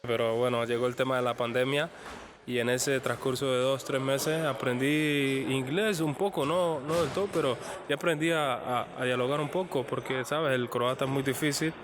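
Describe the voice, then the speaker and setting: A young man with a Colombian accent, speaking earnestly and haltingly in a documentary interview. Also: medium pitch, steady tone, noisy background. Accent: Colombian Spanish. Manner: halting, repeats words, earnest. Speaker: professional footballer.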